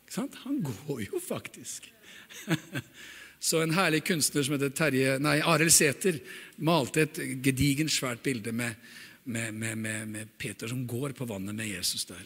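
A man preaching a sermon, animated and chatty, often asking the congregation "right?". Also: mid-range voice, slightly rough, big-room sound. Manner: animated, acts out the dialogue he retells.

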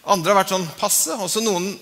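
A man's voice: sits high, steady tone, fairly bright tone. A man preaching a sermon in a conversational way, with frequent fillers and chuckles. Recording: long hall reverb.

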